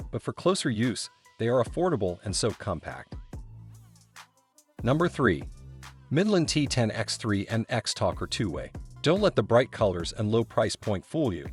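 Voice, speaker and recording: A man with a fairly low, lively voice reads scripted product review narration in a voice-over recording. His polished, promotional delivery rises and falls noticeably over background music.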